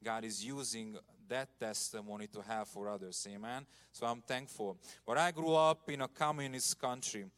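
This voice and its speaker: A middle-aged Hungarian man with a Hungarian accent preaches as a guest in a church sanctuary, earnestly sharing his personal testimony and growing loud and emphatic at points of praise. His voice is medium-pitched and smooth, moving at a moderate pace with few pauses.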